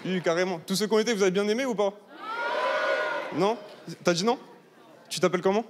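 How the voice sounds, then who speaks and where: Before a crowd of 800 in a big comedy hall, a southern French comedian in his twenties teases the audience through a cocky, chatty routine. His high voice moves briskly over a loud crowd and heavy background noise, and the live room adds reverb and faint ambience.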